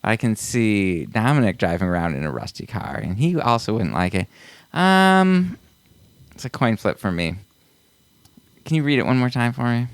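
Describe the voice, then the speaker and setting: A man's voice: on the low side, big pitch swings, moderate pace, clear, resonant tone, dry recording. A man co-hosting a casual podcast, thinking aloud with hesitant fillers while guessing at quiz answers. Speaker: podcast co-host. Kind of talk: casual chat.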